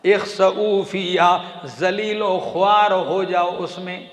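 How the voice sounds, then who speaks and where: A man from Pakistan delivers a Quran commentary sermon, his voice sitting high for a man. He chants each verse, then explains it plainly and checks in with his listeners. The sound rings with a long, roomy echo. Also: steady tone. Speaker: preacher.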